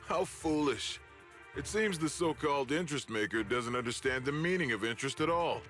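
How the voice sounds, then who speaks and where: For a game cutscene, an actor voices a scheming, arrogant corporate enforcer who mocks, taunts, and threatens. His voice is a little high, expressive, fairly bright, and a little fast, with soft music playing behind him.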